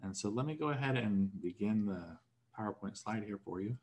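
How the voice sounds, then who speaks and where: A man moderating a recorded online panel, measured and with frequent fillers, over a video call. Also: fairly low pitch, animated, darkish tone, a little hiss or hum. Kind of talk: webinar moderation.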